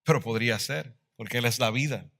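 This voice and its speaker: A man preaching a sermon as pastor, swelling louder and then dropping to a hush. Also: medium pitch, fairly quick, vocal fry.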